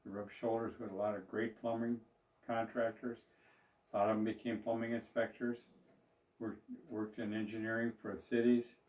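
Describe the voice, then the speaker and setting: In a small office, an older man who owns a business rambles plainly to a far-off camera about his work, using fillers and restarting sentences. The recording sounds roomy and distant, and his voice is on the low side, slightly mellow and level-toned at a moderate pace.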